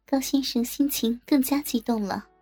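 Brief: high, husky female narrator for an erotic audio story, warm and creaky, faint music behind. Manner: slow, soft, intimate storytelling.

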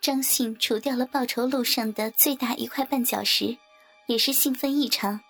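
Woman audiobook narrator, high voice, husky, steady storytelling, faint music under. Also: normal speed. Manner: steady storytelling, acts out characters. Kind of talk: scripted martial-arts novel narration. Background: faint background music.

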